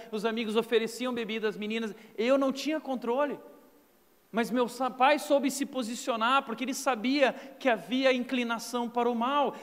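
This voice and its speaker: High-voiced Brazilian preacher in a reverberant hall. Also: male voice. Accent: Brazilian Portuguese. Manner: animated storytelling with acted-out quotes. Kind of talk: sermon.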